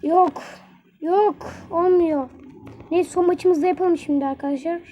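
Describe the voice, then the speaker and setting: Young woman, high voice, excitable game commentary, faint background hiss. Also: a little slow. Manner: excitable, talks to the game characters. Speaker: gaming channel host. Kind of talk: live gameplay commentary.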